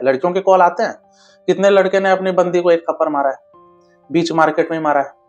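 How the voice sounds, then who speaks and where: A man's voice: on the high side, darkish tone, muffled recording. A man giving blunt, casual relationship advice straight to his viewers, keeps checking they understand and calls them brother.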